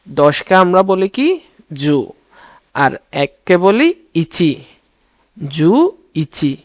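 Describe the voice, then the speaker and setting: A man with a slightly high voice and a Bangladeshi Bengali accent teaches a lesson at a very unhurried pace. He repeats each word carefully for learners to echo. The recording is dry and close, with no room sound. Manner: slow, patient, repeats words for learners to say along. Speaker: language teacher. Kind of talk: spoken language lesson.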